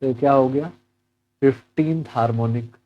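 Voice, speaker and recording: A man's voice: medium pitch, normal speed, muffled recording. A man walking through a physics exam problem as a teacher, mixing Hindi with English terms and asking and answering his own questions.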